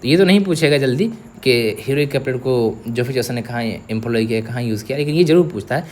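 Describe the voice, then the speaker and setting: A man's voice: mid-range voice, fast talker, a little mellow. A young man, teaching an exam-prep literature lecture and checking in often with his students. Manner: explains step by step, checks in with "theek hai".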